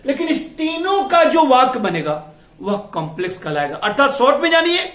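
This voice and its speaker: A man teaching an English grammar lesson, explaining step by step and repeating the key terms. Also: very high voice. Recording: echoey room.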